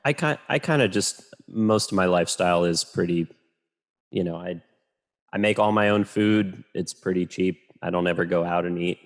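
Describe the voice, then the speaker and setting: A man, a photographer, talking casually and rambling in a relaxed, self-deprecating way as a podcast guest. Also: low-pitched, moderate pace.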